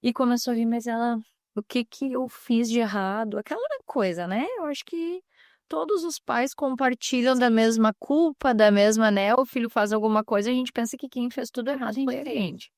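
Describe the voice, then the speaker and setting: Earnest, slightly high-voiced mother telling a story. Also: moderate pace, no room sound, studio quality. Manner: earnest storytelling, acting out family dialogue. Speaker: mother and housewife sharing a testimony. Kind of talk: personal faith testimony on a podcast.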